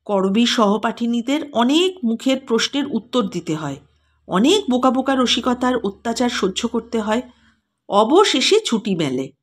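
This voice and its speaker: A woman reads a classic short story in a high, bright-toned voice. Her pitch moves a lot from line to line. The reading is expressive and lilting. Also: unhurried. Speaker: narrator. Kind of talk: audiobook story narration.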